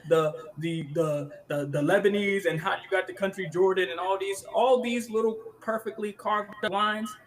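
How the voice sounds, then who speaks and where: A man co-hosting a live podcast, ranting in an animated way with frequent laughter and many restarts. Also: high voice, moderate pace, hardly any pauses, rough recording. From United States. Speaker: podcast co-host.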